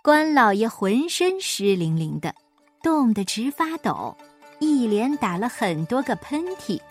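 A woman storyteller reading a folk tale aloud in an expressive storybook style. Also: fairly high pitch, measured pace, soft background music.

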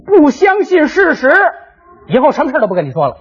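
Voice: high voice, wildly swooping pitch, quick pace, darkish tone. A crosstalk comic telling a rumor in a gossipy, conspiratorial way, drawing it out with hesitations, on a muffled stage recording. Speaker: crosstalk comic, lead teller.

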